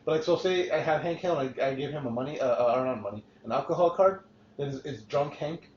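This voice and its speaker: A man's voice: fairly high pitch, fast talker, darkish tone. A man hosting a casual podcast chat, rambling and swearing freely with frequent restarts. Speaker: podcast host. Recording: roomy, dull lo-fi podcast recording.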